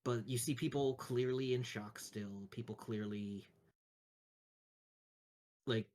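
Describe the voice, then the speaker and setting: A man narrating a tabletop role-playing game as game master, improvising in a halting, thoughtful way. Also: medium pitch, fairly even intonation, darkish tone.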